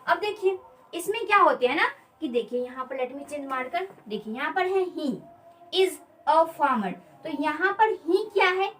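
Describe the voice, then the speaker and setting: A woman teaching an English grammar lesson. She explains slowly, repeats key words and keeps asking quick check questions. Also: high-pitched, lively intonation, a bit bright, far from the mic, a little hiss or hum, poor audio.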